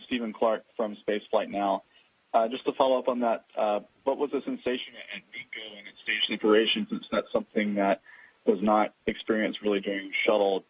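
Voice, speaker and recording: A man, a reporter, politely asking a question at a press conference over a telephone line. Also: on the low side. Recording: rough, tinny phone line.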